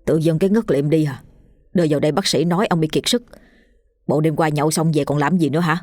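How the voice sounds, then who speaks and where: A woman's voice: deep voice, fast, a little mellow, dry recording, clean studio sound, faint music behind. A woman voicing a blunt young male coworker who scolds and worries over his friend. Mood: blunt worry.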